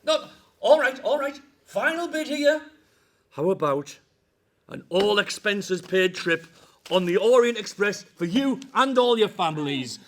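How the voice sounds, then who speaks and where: A man's voice: high-pitched, big pitch swings, a little fast, gravelly, exaggerated voice. An actor playing a boss trying to bribe his team back into trusting him. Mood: wheedling. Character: blustering male boss bribing his team. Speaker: team manager.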